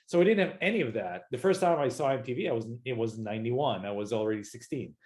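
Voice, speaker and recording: A man in his forties with an Israeli accent, a startup founder talking casually in an interview, relaxed and hesitant. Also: medium pitch, fast. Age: 40s. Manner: hesitant, many fillers and restarts, relaxed.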